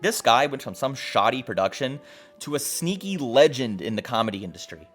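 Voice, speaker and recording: Very animated and brisk, the male host speaks in a mid-range, fairly bright voice. He narrates his video essay casually and wryly, exclaiming often and swearing a bit, over background music.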